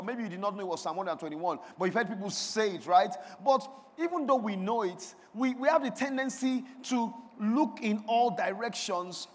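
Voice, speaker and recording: A male pastor with a notably high voice preaches to his congregation, calling out lines for them to repeat. He builds from quiet questions to loud, emphatic proclamations. His voice rings through the long reverb of a church sanctuary. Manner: call-and-response preaching, swells to emphatic declarations. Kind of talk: sermon. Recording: long reverb of a large hall.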